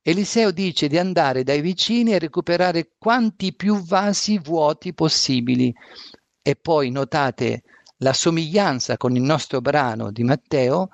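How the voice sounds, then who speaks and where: A man preaching a sermon and reading scripture aloud, reflective and asking rhetorical questions, with a gravelly voice. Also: on the high side, lively intonation, a little slow, no room sound, lo-fi sound.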